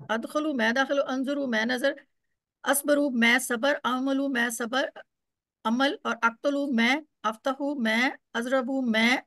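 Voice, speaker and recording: A woman's voice: high voice, a bit bright, no room sound, studio quality. A woman teaching a class, explaining step by step and repeating words so students can follow. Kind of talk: online Quran Arabic class.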